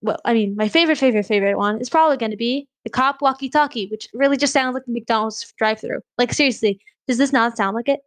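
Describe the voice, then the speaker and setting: A woman's voice: fairly high pitch, fast talker, hardly any pauses. A woman vlogger giving a chatty, rambling demo of a product she likes.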